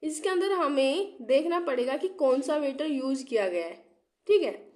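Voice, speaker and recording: Unwell young woman teaching, slightly high voice. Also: expressive, moderate pace, darkish tone. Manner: asks rhetorical questions and repeats key terms; checks in often with "theek hai". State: unwell, coughing. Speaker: English literature teacher. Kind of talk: exam-prep lecture.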